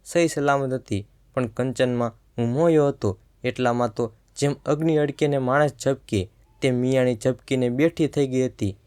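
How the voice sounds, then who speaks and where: Male storyteller with a mid-pitched voice. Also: normal speed, darkish tone, clear, resonant tone. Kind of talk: first-person story narration.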